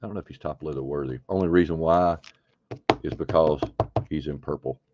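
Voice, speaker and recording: A man's voice: extremely low pitch, a little fast, highs cut off, heavy background noise. A man hosting a live card break, chatting casually and thinking aloud as he opens packs. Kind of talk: casual live stream chat.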